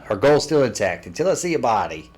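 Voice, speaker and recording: A man giving casual gameplay commentary, thinking out loud and speculating as he plays. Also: medium pitch, very animated, fast talker. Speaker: video game let's player.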